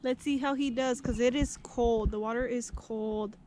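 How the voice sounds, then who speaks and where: A woman's voice: on the high side, fairly even intonation, moderate pace, a little mellow, a little hiss or hum, poor audio. A young woman vlogging outdoors from a kayak on a lake, chatty and joking with frequent giggles, filmed on an action camera at arm's length. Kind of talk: casual vlog chat.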